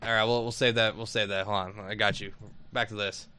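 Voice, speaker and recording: A man's voice: lowish voice, level tone, brisk, bright, forceful tone, smooth. A man hosting a casual live-stream chat, joking and swearing freely as he goes. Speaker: host.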